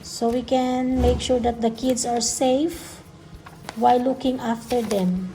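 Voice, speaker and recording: This woman's voice is fairly high and dark, with fairly even intonation and a slow delivery. The rough recording has slight background noise and music behind her as she, a childcare educator, does a casual unboxing vlog, explaining things simply step by step and frequently repeating herself.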